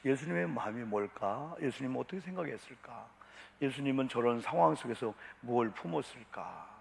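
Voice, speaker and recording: A man's voice: mid-range voice, expressive, a little fast, vocal fry. A man preaching a sermon as pastor, asking rhetorical questions with emphatic delivery. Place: church sanctuary. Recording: long church reverb.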